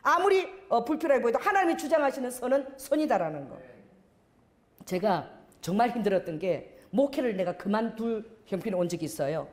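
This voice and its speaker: Animated woman pastor preaching. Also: a little high, brisk. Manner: animated storytelling, acting out voices. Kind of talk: sermon with acted story.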